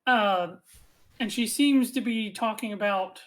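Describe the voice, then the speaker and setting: A woman narrating a tabletop game as game master, describing scenes in a measured way with frequent fillers. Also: mid-range voice, rough recording.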